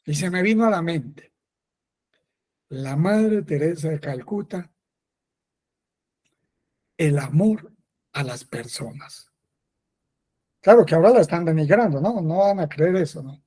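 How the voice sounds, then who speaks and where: Friar for a catechesis talk, male, slightly higher voice, soft warm tone, chatty and repetitive. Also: lively intonation, a little slow, pauses often. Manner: conversational, repeats himself, frequent affirming "sí". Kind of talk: spoken catechesis, personal testimony.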